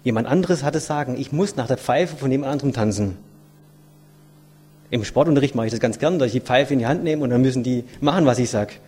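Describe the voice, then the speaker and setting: Man, lay preacher, husky voice, earnest and reflective, rhetorical questions. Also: mid-range voice, quick pace, darkish tone. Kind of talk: sermon with a read-aloud story.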